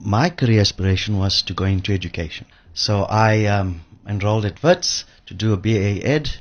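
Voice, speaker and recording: An older South African man from Johannesburg, a pension fund trustee, appears as a guest on a radio interview, telling his story informally and reflectively. His voice is fairly low and brisk, with the high frequencies cut off.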